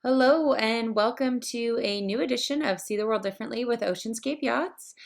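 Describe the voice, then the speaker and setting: A woman's voice: a little high, normal speed, gravelly. A woman hosting a podcast, chatty and upbeat, with frequent ums. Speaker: podcast host. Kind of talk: casual podcast chat.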